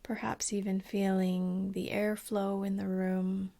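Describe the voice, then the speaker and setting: A calm, unhurried woman teaching meditation walks through a guided body scan. Her soothing, medium-pitched voice is soft and breathy, and it often trails off toward a whisper.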